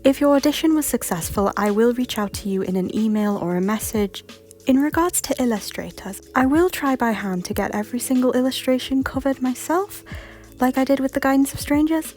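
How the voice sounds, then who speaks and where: Over background music, a woman speaks briskly in a high-pitched, slightly mellow voice. She is a project creator reading a scripted voice casting call announcement in a polite, explanatory manner.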